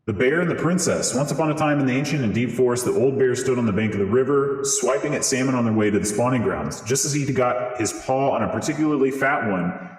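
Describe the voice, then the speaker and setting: A man reading a fairy tale aloud through a voice changer that morphs his voice, in steady storybook narration. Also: mid-range voice, fast. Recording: roomy with long reverb.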